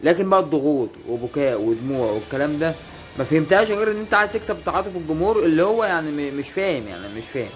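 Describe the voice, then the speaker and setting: A man's voice: a little high, very fast, faint music behind. A man with an Egyptian Arabic accent in a casual monologue to rival football fans. He teases them in a mock-earnest way and keeps repeating reassurances. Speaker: football fan vlogger.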